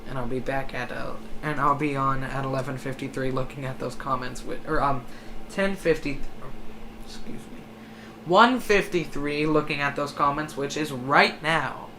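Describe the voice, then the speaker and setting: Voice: mid-range voice, steady tone, moderate pace. A person hosting live hurricane coverage, commenting on forecasts in a hesitant way and often correcting their own words. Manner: hesitant, self-correcting delivery. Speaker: livestream host tracking a hurricane. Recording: noticeable background noise.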